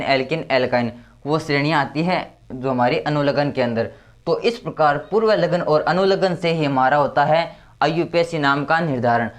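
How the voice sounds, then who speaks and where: A man teaching chemistry step by step, who repeats key terms and counts slowly aloud. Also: on the high side. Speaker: chemistry tutor. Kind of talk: explaining step by step at a board.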